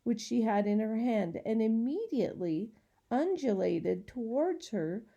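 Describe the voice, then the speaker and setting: A woman narrating a children's storybook in a gentle, unhurried reading style. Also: a little high, expressive, creaky, lo-fi sound. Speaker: audiobook reader.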